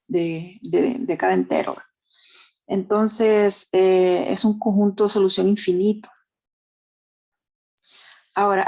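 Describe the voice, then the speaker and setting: A woman's voice: mid-range voice, vocal fry, dark tone. A woman with a Honduran Spanish accent teaching a math class online, explaining step by step and checking in with tag questions. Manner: uses diminutives.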